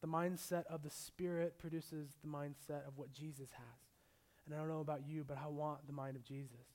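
A young man preaching a sermon as a pastor, mixing scripture with a relaxed personal story. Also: a little high, brisk.

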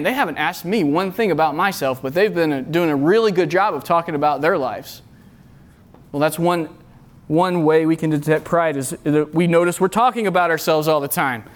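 A middle-aged man preaching a sermon at a youth retreat, earnest and repeating key phrases for emphasis. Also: sits high. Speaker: youth pastor. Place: retreat meeting room.

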